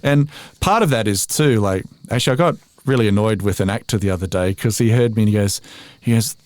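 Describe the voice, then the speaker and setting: Here the same kind of speaker, an Australian man in his forties who does voiceover work, chats casually as a podcast guest in a lowish, slightly mellow voice at a quick pace. He's self-deprecating and talkative, with frequent laughs and restarts. No room sound is audible.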